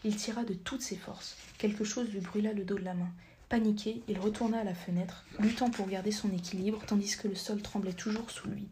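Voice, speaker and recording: Her mid-range voice steady and fairly quick, a woman narrates a story as a soft, half-whispered audiobook reading. There are occasional slips she corrects, plus a little hiss or hum.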